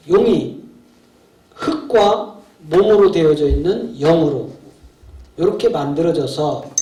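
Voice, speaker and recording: In a seminar hall, a pastor delivers a sermon in a high, warm voice. He talks in an everyday, emphatic style and frequently throws rhetorical questions at the audience, and the recording sounds distant and echoey.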